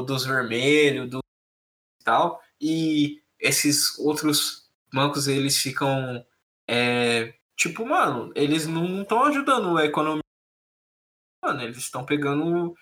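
A man's voice: on the high side, sharp tone. A young Brazilian man with a Brazilian Portuguese accent, co-hosting a casual chat in a slangy, rambling way. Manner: slangy, rambling, lots of filler. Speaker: podcast co-host.

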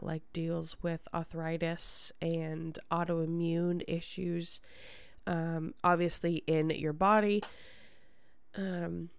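A woman's voice: fairly low pitch, vocal fry, smooth, no echo. A woman hosting a podcast in casual chat, with a congested, nasal voice and a chatty, rambling manner. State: congested from a sinus problem. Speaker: podcast host.

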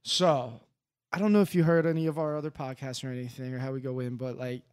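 A man's voice: mid-range voice, fairly even intonation, fast, clean tone. A man hosting a podcast in casual chat, talking in a rambling way with many restarts. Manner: rambling, full of fillers and restarts, friendly. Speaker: podcast host.

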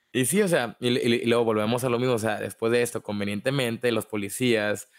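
A man hosts a casual podcast discussion. He speaks haltingly and often stalls and restarts mid-phrase. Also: mid-range voice, steady tone. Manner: hesitant, halting with many restarts. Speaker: podcast host.

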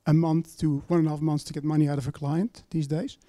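A man's voice: on the high side, little pitch movement, fast, warm tone, dry recording, clean studio sound. A man asking a question at a panel discussion, hesitant, with restarts and fillers.

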